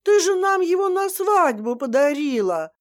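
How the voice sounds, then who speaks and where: A woman's voice: very high voice, very animated, unhurried, voice pushed up, heavily acted. Woman doing a young guy begging his mom, mild, pleading. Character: young husband, pleading son.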